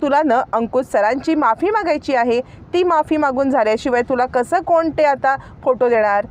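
A woman voicing a sharp-tongued young wife who taunts and scolds her sister-in-law, in a retold TV serial story. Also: high voice, normal speed, voice pushed up, lightly acted. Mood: taunting.

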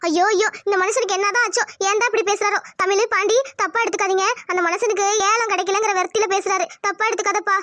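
Woman voicing an anxious cartoon mother: very high, bright. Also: fairly even intonation, quick pace, few pauses. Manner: anxious, pleading. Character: worried middle-aged mother and wife.

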